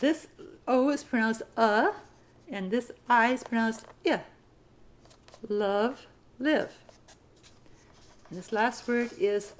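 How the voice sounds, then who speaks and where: A woman teaching a citizenship writing lesson, patiently dictating sentences and spelling words out letter by letter. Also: a little high.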